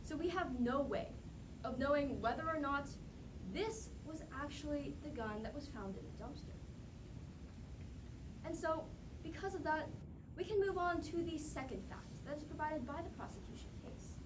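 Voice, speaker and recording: A woman acting as defense counsel delivers a passionate, emphatic courtroom closing argument, with rhetorical questions and dramatic pauses. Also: sits high, expressive. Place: echoey indoor room, recorded from a distance. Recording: distant mic, echoey room, clear background noise.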